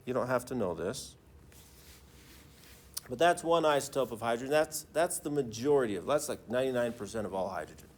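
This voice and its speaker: A man's voice: mid-range voice, expressive, a little fast. A man teaching a class in the manner of a professor lecturing, informal and often checking in with students through questions.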